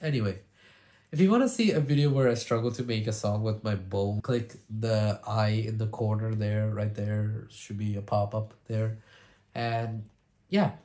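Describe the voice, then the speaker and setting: A man's voice: on the low side, moderate pace, warm tone. Congested man casually explaining sound design. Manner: loose and rambling, full of "you know" and restarts. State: congested from a cold. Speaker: music producer and video host.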